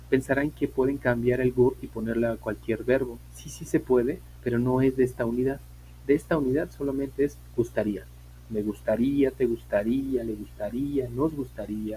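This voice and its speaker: A man's voice: mid-range voice, warm tone, slight background noise, low-quality recording. A man, teaching an online English class, explaining patiently, repeating points and asking his students questions.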